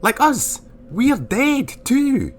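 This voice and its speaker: Guy doing a earnest scottish ghost lad, gentle questions, bouncy pitch. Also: very animated, very slow, slight background noise, exaggerated voice.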